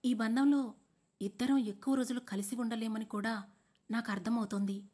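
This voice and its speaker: A woman's voice: on the high side, fairly even intonation, normal speed, dark tone, slightly rough. A woman voicing a young man calling off his engagement, hesitant but firm. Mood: tense. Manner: hesitant, firm under pressure.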